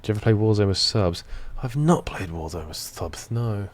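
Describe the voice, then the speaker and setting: A man's voice: lowish voice, lively intonation, normal speed. A tired man, chatting casually and reading out viewer questions while gaming, in a laid-back, rambling, self-deprecating way. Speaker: streamer.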